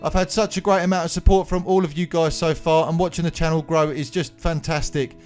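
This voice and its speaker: With music in the background, a man hosting a video game channel casually voices a gaming tutorial. He has a fairly high, steady, darkish voice and talks fairly quickly, his speech a little numb-mouthed as though after dental anaesthetic.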